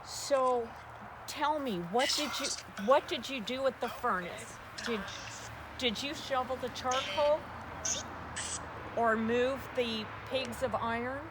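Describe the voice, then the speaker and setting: With a high voice and an unhurried pace, a woman hosting a spirit box session addresses questions to spirits, often repeating them. She is a paranormal investigator host, and the audio is noisy with clicks.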